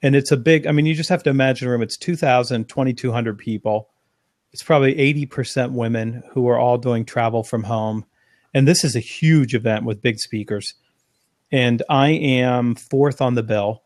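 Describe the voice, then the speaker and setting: A man, a guest on an interview, telling an animated anecdote in long run-on phrases. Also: medium pitch, normal speed, no room sound, clean studio sound. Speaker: interview guest, sales speaker. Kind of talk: conversational storytelling.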